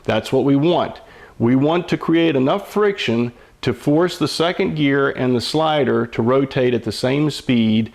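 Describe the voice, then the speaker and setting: A man's voice: mid-range voice, a little slow, gravelly. An older man explains hands-on mechanical work step by step, like an old machinist, in a patient, folksy, plain-spoken way. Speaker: mechanic giving instruction.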